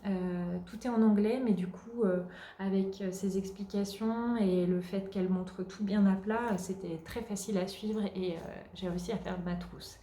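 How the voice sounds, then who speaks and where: A woman hosting a craft podcast, casually showing her work and pausing often with fillers. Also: medium pitch, fairly even intonation, dark tone, slight background noise. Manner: hesitant, many filler pauses. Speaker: podcast host. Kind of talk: casual show-and-tell chat. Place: at home. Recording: roomy echo.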